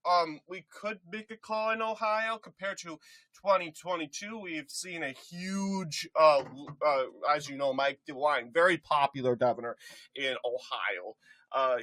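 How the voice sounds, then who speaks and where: An American man speaking as an election night analyst, calling races in a halting, off-the-cuff way. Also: on the high side, pushed and bright, dry recording. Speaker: political prediction host. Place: indoors, screen-recorded voice-over.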